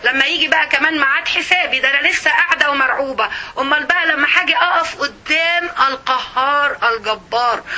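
A woman with an Egyptian Arabic accent giving an emotional religious lesson to women, often pausing to check that her listeners follow. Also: high voice, sharp tone. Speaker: religious teacher.

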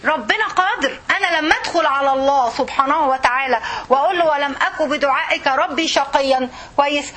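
Quick, bright Egyptian woman teaching. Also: high voice, slight background noise. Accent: Egyptian Arabic. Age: older. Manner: conversational and emphatic, checks in with listeners. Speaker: religious teacher. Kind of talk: religious lesson.

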